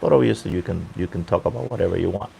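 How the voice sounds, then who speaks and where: A man talking casually off the cuff on a livestream, halting and unhurried, keeping his voice down outdoors on a balcony. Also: low voice, creaky, mellow. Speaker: livestream host and pipe hobbyist. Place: outdoor balcony at night near a pool. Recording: faint water noise in background.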